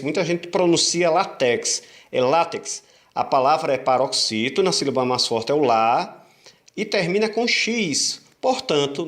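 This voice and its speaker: In an online grammar lesson, a Portuguese teacher speaks in a slightly high male voice. Patient and repetitive with the rules, he throws out rhetorical questions and slowly stretches syllables to highlight stress.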